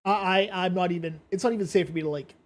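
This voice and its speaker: A man's voice: sits high, fast talker. A man hosting a casual commentary stream, rambling and blunt, swearing freely and sounding drowsy from medication. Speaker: commentary channel host.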